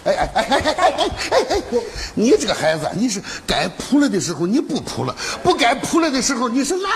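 A fussy old matchmaker. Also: male voice, extremely high pitch, huge pitch swings, brisk, exaggerated voice. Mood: scolding. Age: older. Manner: scolding, exasperated, repeats himself. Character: fussy old male matchmaker, scolding yet kind. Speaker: sketch comedy actor. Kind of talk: stage comedy sketch.

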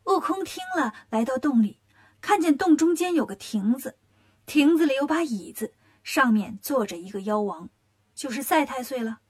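A woman narrating a children's story in a lively, expressive storytelling manner. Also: high voice, normal speed, husky.

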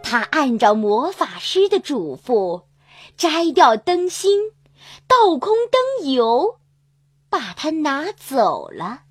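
A woman narrating a children's fairy tale in a slow, sing-song, expressive way. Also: high-pitched, no room sound. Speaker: storyteller. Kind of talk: scripted children's story narration. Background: loud children's music.

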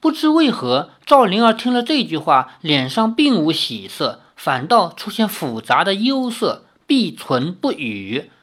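A reader narrating a novel in an expressive storytelling manner. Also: medium pitch, unhurried, hardly any pauses. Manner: expressive, shifting voices for dialogue.

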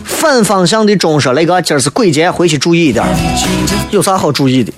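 A man's voice: a little high, animated, fairly quick, loud music behind the voice. A man in his thirties with a Shaanxi accent from Xi'an, hosting a humorous radio chat in a joking, mock-exasperated manner. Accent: Shaanxi (Xi'an) Chinese. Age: 30s. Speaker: radio show host. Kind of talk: humorous radio chat, reading listener messages.

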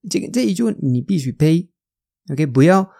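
Spanish man teaching phrases, lively pitch. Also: creaky. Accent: Spanish, speaking Mandarin. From Spain. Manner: repeats phrases slowly for learners to copy. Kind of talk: casual language lesson.

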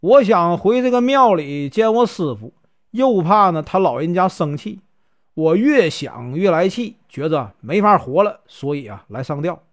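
A man's voice: high-pitched, sing-song, unhurried, heavily acted. A man with a Northeastern Mandarin accent voicing a scruffy, playful old monk who teases and jokes in a storytelling recording. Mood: lamenting. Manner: joking, cheeky, mocking.

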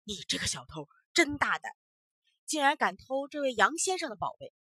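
A woman's voice: a little high, expressive, a little slow, fairly bright tone, dry recording. A woman voicing a pompous, bullying male county magistrate in a storybook tale, speaking in a blustering, accusing way.

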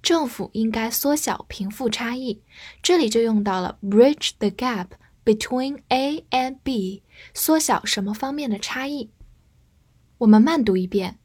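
A woman teaching English vocabulary in a scripted lesson, spelling words out and leading slow read-along drills. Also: on the high side, a little mellow, husky.

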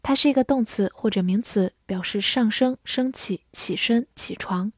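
A woman, a native Chinese speaker, teaching English vocabulary in a scripted lesson, spelling words out letter by letter and reading example sentences slowly. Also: fairly high pitch, husky, no echo, clean studio sound.

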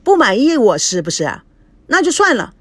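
A woman voicing a quarrelsome young bride in an audiobook, scolding in a high, shrill voice. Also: very animated, moderate pace, dry recording, studio quality. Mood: angry.

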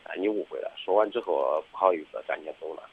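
A man's voice: deep voice, fast talker, husky. A man calling in to a radio advice show, explaining himself hurriedly and defensively. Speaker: caller. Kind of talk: phone-in call to a radio show. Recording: tinny phone line.

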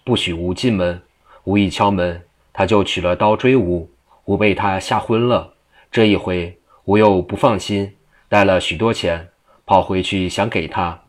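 A man reading the lines of a timid, simple-minded husband who rambles through his account. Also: deep voice. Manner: plain, rambling.

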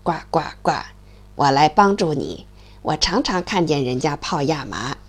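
A woman voicing a helpful male frog with a croaky, low voice. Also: sing-song, moderate pace, full character voice.

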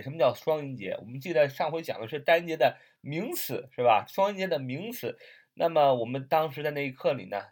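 Lively man teaching grammar. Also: medium pitch. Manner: spells words letter by letter, drawn-out repetitions. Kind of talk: explaining lesson to viewers.

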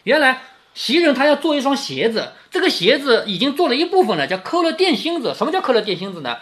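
A man's voice: extremely high pitch, very animated, quick pace, a bit bright. A man reading a classic novel aloud to his daughter, retelling each passage in plain words and often checking with her with little questions. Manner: keeps checking with questions like "right?".

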